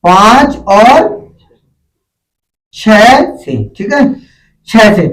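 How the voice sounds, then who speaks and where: A man's voice: high-pitched, lively intonation, extremely slow, fairly bright tone. A male math teacher giving a classroom lesson, asking the students questions and calling them "beta". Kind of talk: classroom lesson, call-and-response. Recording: echoey room, distant mic.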